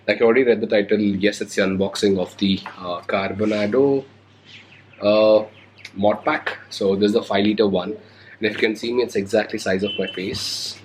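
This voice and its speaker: Still getting over a cold, a young man with an Indian English accent unboxes something for his motovlog, speaking casually with plenty of hesitant fillers. His voice is on the lower side, with slight background noise on the handheld recorder or camera mic.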